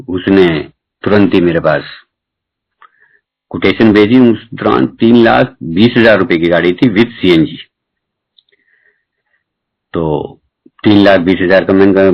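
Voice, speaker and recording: A middle-aged man telling a personal devotional story at a gathering, chatty and acting out both sides of each conversation. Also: fairly low pitch. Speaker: devotee sharing a testimony. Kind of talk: storytelling testimony at a satsang. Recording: dull lo-fi recording.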